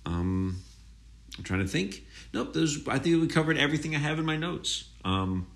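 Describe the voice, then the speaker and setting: A man's voice: a little high, big pitch swings, moderate pace, creaky. A man in his thirties co-hosting a movie podcast, talking casually and rambling with fillers. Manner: laid-back, rambling with fillers. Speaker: podcast co-host. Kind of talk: casual chat about movies.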